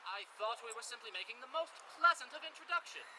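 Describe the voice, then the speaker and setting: A man plays a swaggering gentleman outlaw on an outdoor stage. His voice sits very high and swings widely, with polished mock courtesy. Clear background noise surrounds the live recording. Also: expressive, fast talker, heavily acted. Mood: jaunty charm. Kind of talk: outdoor stage play acting.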